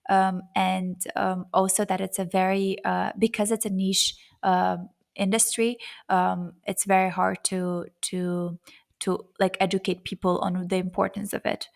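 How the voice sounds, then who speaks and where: A woman's voice: medium pitch, little pitch movement, unhurried, creaky. A woman giving earnest, explanatory answers in a conversational interview. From Azerbaijan. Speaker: interview guest, YouTuber and etiquette coach.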